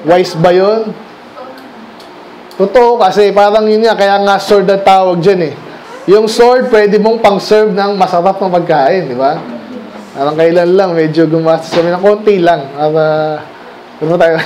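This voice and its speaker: A man's voice: high voice, fairly even intonation, a little slow, a little mellow, a little hiss or hum. A man from the Philippines preaching a sermon in a conversational style, firing rhetorical questions at the congregation and switching between Tagalog and English. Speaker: pastor. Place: church during a Sunday night service.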